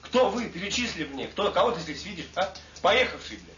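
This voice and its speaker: An actor playing a furious, foul-mouthed captive soldier who shouts and mocks. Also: male voice, high voice, very animated, fairly quick, recorded from a distance, exaggerated voice. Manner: shouting, swearing constantly, mocking. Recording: echoey lo-fi room from afar with faint noise.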